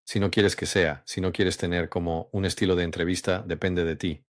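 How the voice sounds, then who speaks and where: A man hosting a religious channel, speaking in an unhurried, measured monologue with frequent hums and pauses, then reading a story aloud. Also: low-pitched, steady tone, dry recording, studio quality.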